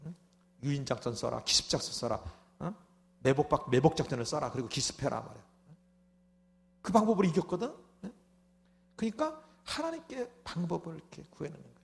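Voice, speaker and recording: A man preaching at a revival meeting in a high, bright-pitched voice. He talks in an animated way, firing off rhetorical asides and acting out prayers. At times he swells into loud, fervent shouted prayer. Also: a little fast, gravelly. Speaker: pastor.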